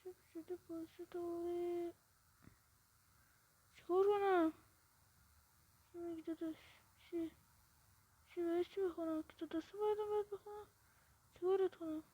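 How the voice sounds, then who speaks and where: Jumpy high-voiced woman gaming. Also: fairly even intonation, long pauses, dark tone. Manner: jumpy, panicky, repeats questions to herself. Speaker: gameplay video host. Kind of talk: casual horror game commentary. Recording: muffled lo-fi recording.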